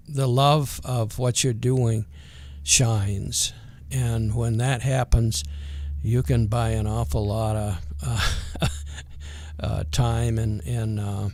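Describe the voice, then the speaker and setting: An older man with a natural Vermont accent and rural twang, reminiscing casually and hesitantly in a folksy, unhurried way as an interview guest. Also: medium pitch, a little mellow, no echo.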